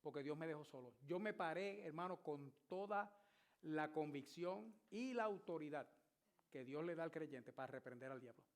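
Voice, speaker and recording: A man's voice: on the high side, expressive, moderate pace. A man in his sixties, a pastor preaching a sermon with vivid, emphatic storytelling. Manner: storytelling, emphatic, shouts at climaxes.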